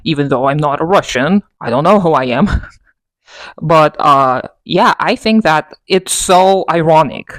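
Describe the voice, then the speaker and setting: A woman with a low voice rants unscripted into her camera mic, a political video blogger exaggerating for effect, mocking herself and laughing often. The recording is rough, with no room sound.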